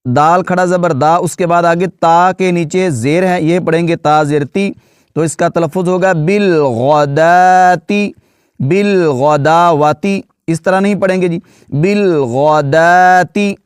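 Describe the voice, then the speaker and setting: A man's voice: high-pitched, fairly even intonation, smooth, dry recording, clean studio sound. A man teaching Quran reading, patiently spelling words out letter by letter and adding a polite "ji" to his phrases. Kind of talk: tajweed lesson.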